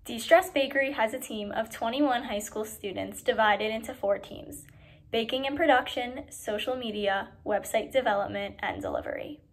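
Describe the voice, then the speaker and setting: A teenage girl with a slightly high voice reads school news narration. Her delivery is steady and clear. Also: normal speed. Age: teens. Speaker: student reporter.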